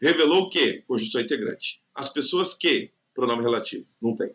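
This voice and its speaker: Speaking at a medium pitch with a pushed, bright quality, a man leads a recorded online lesson preparing students for an exam in Brazilian Portuguese. He's conversational and keeps checking in with whoever is listening, slowly elongating words so the stressed syllable stands out.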